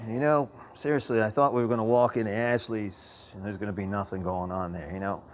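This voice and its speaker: A man's voice: lowish voice, fairly quick, slight background noise. A man who calls himself a priest talks casually and boastfully to the camera about spirits, sometimes dropping to a whisper. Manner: boastful, animated, dips to a whisper. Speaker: self-described priest and paranormal investigator.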